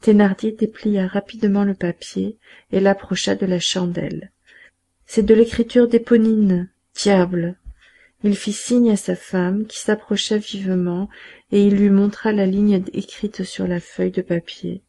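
A woman reading a classic novel aloud as an audiobook narrator, steady and measured. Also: medium pitch, vocal fry.

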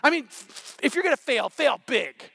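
A man preaching a sermon, energetic and emphatic, repeating phrases for punch. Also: very high voice, normal speed, vocal fry, dry recording. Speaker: pastor.

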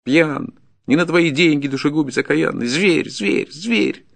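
A man voicing a desperate poor peasant man in an audiobook, pleading in a high strained voice and breaking into furious shouts. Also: a little slow, gravelly. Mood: furious shouting. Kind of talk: audiobook character voice.

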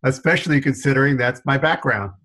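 A man's voice: mid-range voice, fast talker, fairly bright tone. A middle-aged man from New York with a faded New York accent, telling stories as a podcast interview guest, laughing often and punching up his asides. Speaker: guest, business consultant.

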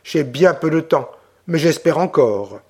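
A man's voice: a little high, lively intonation, measured pace, a little mellow, husky, exaggerated voice. A man reading the part of a passionate young Corsican woman who pleads vehemently with her brother. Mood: urgent.

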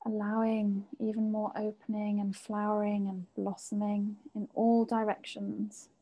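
Soothing, mellow woman guiding meditation. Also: medium pitch, level tone, low-quality recording. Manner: gentle, unhurried phrasing with long pauses. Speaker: guided meditation teacher. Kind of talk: guided meditation, soothing like a sleep story narrator.

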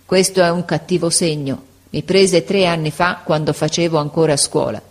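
A woman voicing a frail, gentle old male schoolteacher in an audiobook, speaking slowly and tenderly. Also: deep voice, fairly even intonation. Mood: sorrowful. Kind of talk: audiobook character voice.

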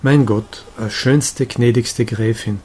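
A man reading the excited exclamations of a carefree young wanderer in an audiobook of a romantic novella. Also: mid-range voice, slow pace, breathy edge. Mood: eager. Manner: eager, exclaiming.

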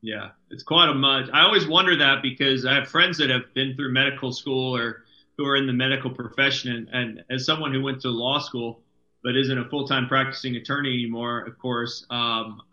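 A man's voice: medium pitch, steady tone, fairly quick, bright, forceful tone, reverberant, dull audio. A man hosting a radio talk show in a studio, chatting casually and often restarting his sentences with fillers.

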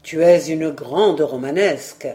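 A woman lowering her voice for a weary man, the journalist. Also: slow, warm tone. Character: weary male journalist, cool and detached.

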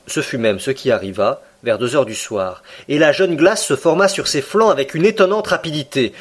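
A man narrating a classic novel as an audiobook, even and measured. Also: mid-range voice, husky. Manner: even, measured, literary reading.

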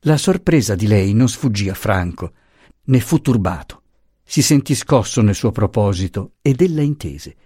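A man reads a classic novel aloud in a low, slightly husky voice. His intonation moves a lot, expressive and measured. The recording is close and dry, with no room sound. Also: no echo. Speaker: audiobook narrator. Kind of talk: scripted narration of a novel.

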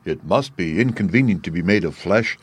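A man's voice: sits low, lively intonation, a little fast, husky. A man voicing a friendly, thoughtful living scarecrow in a storybook, musing and hearty. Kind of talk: storybook character voice.

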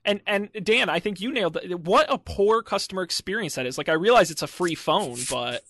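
A man's voice: high voice, animated, brisk, a bit bright, no room sound. A man hosting a casual tech podcast, chatty and wry, with lots of fillers. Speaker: podcast host.

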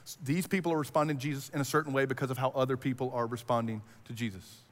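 A man's voice: mid-range voice, steady tone, very fast. A man preaching a sermon as pastor, casual and conversational, with lots of fillers. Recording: hall reverb.

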